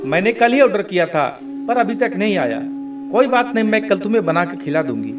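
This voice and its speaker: A man's voice: high-pitched, sing-song, fairly quick. Man voicing a caring young housewife. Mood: gentle.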